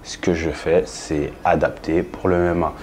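A man's voice: sits low, flat delivery, normal speed, a little mellow, slight background noise. A man, a professional MMA fighter, speaking matter-of-factly in a sit-down documentary interview. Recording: music bed under the voice.

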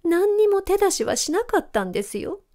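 A woman's voice: on the high side, lively intonation, normal speed, mellow, pitched above the performer's own voice, close to an everyday voice. A woman voicing a sly, whining, two-faced cat in a storybook reading. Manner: whining, falsely sweet.

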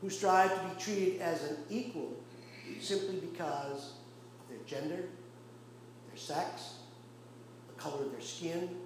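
A male pastor preaching a sermon with impassioned rhetorical questions and pauses, recorded in a church. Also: a little high. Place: church sanctuary. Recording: very echoey church room, faint hum.

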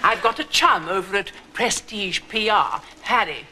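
An actress playing a brisk, meddling older woman in a British sitcom, blunt and chatty, with an English accent. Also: mid-range voice, close to an everyday voice. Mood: brisk, breezy. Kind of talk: 1980s British studio sitcom acting. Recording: very noisy old studio TV tape.

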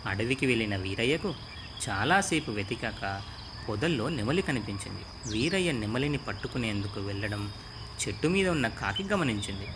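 A man narrating a children's story in a clear, measured storytelling manner. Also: mid-range voice. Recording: noisy with insect and bird ambience.

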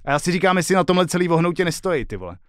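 Brief: high, animated male streamer cracking crude jokes over guitar at home. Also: smooth, no echo, studio quality. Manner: joking, swears a lot, talks to chat. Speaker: streamer writing a song. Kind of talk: casual stream chat while composing. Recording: loud guitar music behind the voice.

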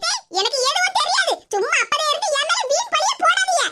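A voice actor playing a young daughter-in-law protesting her innocence in an animated village comedy, with a Tirunelveli accent and a sped-up squeaky voice. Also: fast, very noisy. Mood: defensive. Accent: Tirunelveli Tamil. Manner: sped-up squeaky cartoon voice, pleading.

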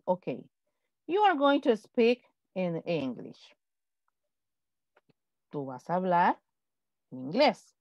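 A woman teaching an online class, patiently repeating example sentences slowly. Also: a little high, no room sound. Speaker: English teacher. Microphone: video call. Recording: dull lo-fi video call audio.

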